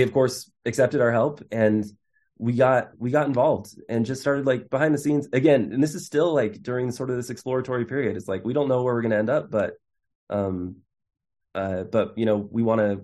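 A man's voice: mid-range voice, normal speed, a little mellow. A man in his thirties, an interview guest, telling his story in a casual way, with many fillers and restarts. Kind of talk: conversational storytelling.

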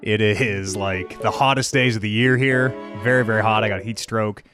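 A man's voice: fairly low pitch, fairly even intonation, moderate pace, over music. Man talking in an echoey untreated room. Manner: rambling, self-interrupting, upbeat. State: out of breath from the heat. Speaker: podcast host. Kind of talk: casual update to followers.

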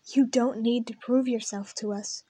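A woman's voice: on the high side, fairly even intonation, a little slow, mellow, slightly rough, dry recording. A woman reading as a stern army captain. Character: stern yet tender male army captain.

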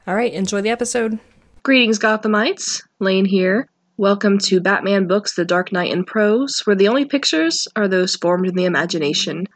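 A woman hosting a podcast in a chatty, relaxed way, recorded through a built-in laptop microphone with low-quality audio. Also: normal speed, no room sound. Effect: low-quality laptop mic audio. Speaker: podcast host. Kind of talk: casual podcast chat.

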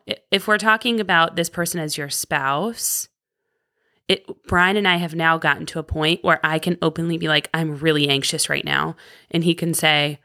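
A woman co-hosts a podcast in casual chat, speaking frankly and candidly. Her voice sits a little low and carries a gravelly edge. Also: sharp tone. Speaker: podcast co-host.

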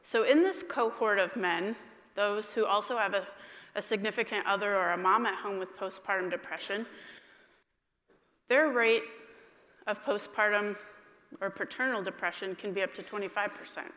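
Bright-voiced woman lecturing in a hall. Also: medium pitch, normal speed. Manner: clear, friendly lecturing with light humor. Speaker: emergency physician giving a talk. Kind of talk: conference talk. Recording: long hall reverb.

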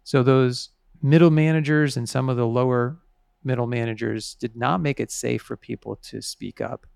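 A man's voice: medium pitch, steady tone, moderate pace, vocal fry, a little mellow, clear, resonant tone, dry recording, studio quality. A man interviewed as an author, explaining things conversationally and stressing key words.

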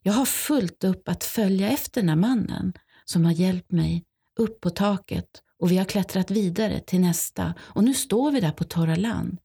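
A woman reading, in first person, a young boy's quiet, numb account of being lost after disaster. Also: on the low side, vocal fry, breathy edge.

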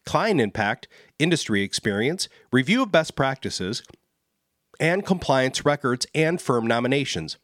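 Male disclaimer voice, formal and steady, lively intonation, dry recording. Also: mid-range voice, no room sound. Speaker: disclaimer announcer. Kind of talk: scripted legal disclaimer read.

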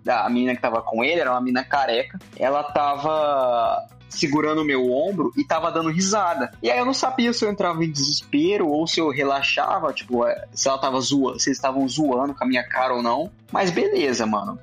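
A young man casually telling a story in lively slang, acting out the other people's lines. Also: medium pitch, fast, soft background music. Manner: animated slangy storytelling, acts out voices. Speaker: storyteller guest.

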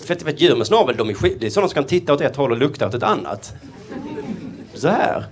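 A man's voice: fairly high pitch, over a noisy crowd, heavy background noise. Stand-up comedian man, audience laughing. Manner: absurd deadpan jokes with quick voiced asides. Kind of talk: stand-up routine. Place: comedy stage before a live audience. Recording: stage mic with loud audience laughter.

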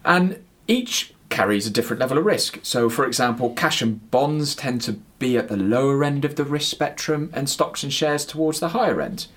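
A man's voice: medium pitch, lively intonation, moderate pace, a bit bright. West Country man explaining on a podcast. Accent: West Country English. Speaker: financial expert on a podcast. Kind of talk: conversational explanation.

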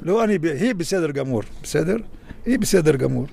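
An older man answering interview questions in a slow, plain-spoken way, often repeating himself. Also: fairly high pitch, expressive, vocal fry, darkish tone, slight background noise. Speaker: interviewee, the storyteller's father. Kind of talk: casual interview talk.

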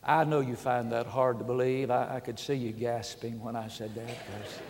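A man, preaching a folksy storytelling sermon that swings from hushed asides to loud shouts. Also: mid-range voice, little pitch movement, normal speed. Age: 70s. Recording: reverberant hall.

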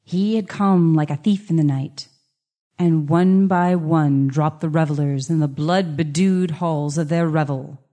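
A woman's voice: lowish voice, darkish tone. A woman playing a solemn gothic narrator in a grave, formal reading of a horror tale. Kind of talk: dramatic literary reading.

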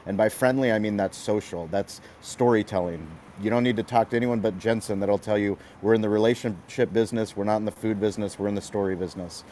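Hyped-up guy on a phone panel, low mellow voice, repeats himself for punch. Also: fast, few pauses, slight background noise. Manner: energetic, emphatic, repetitive phrasing. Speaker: restaurant marketing guest speaker. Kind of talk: motivational panel talk.

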